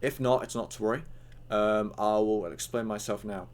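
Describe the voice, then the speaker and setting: A man's voice: fairly low pitch, steady tone, moderate pace. A young man with hiccups giving a casual, rambling online tutorial, full of fillers and acted-out chat lines.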